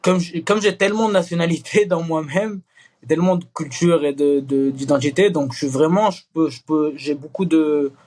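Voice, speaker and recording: A young man born in East Jerusalem, speaking in a candid interview, earnest and halting with frequent restarts and fillers. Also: fairly high pitch, a little mellow. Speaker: Israeli reservist interviewee.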